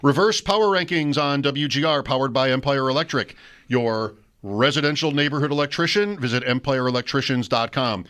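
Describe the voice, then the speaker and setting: A male sports radio host in smooth broadcast mode, rolling through sponsor reads and station breaks at a mid-range pitch. His delivery is easy and wry, conversational rather than shouty. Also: a little fast. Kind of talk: sports talk radio show.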